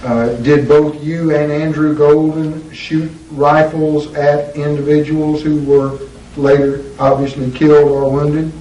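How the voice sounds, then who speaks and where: A man's voice: on the high side, level tone, warm tone, dull audio. Man questioning in a courtroom-style deposition recording. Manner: deliberate, measured, with frequent "uh" pauses. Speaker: attorney taking a deposition. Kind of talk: formal legal questioning. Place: deposition room. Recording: roomy echo, distant mic, faint hiss.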